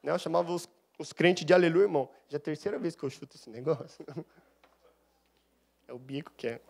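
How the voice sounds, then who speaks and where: A man's voice: fairly high pitch, fairly quick, creaky. A young adult man, a deacon giving a sermon built on personal testimony and acting out the dialogue as he tells it. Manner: animated storyteller, acts out dialogue. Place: church.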